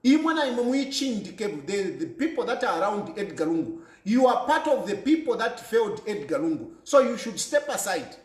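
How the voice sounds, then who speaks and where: A man's voice: high-pitched, big pitch swings, normal speed, hardly any pauses, roomy sound. A man with a Zambian accent delivering an impassioned political monologue, fervent and repeating phrases for emphasis. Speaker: political commentator.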